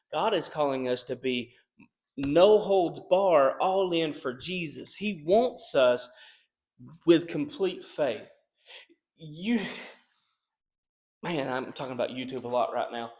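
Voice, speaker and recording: Pastor guy preaching, earnest, keeps restarting his sentences, voice a bit high. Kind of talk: sermon.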